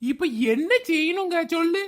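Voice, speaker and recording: Woman as a gruff, high-voiced cartoon husband. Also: moderate pace. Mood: dismissive. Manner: blunt, teasing. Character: gruff, dismissive village husband. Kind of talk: cartoon voice acting.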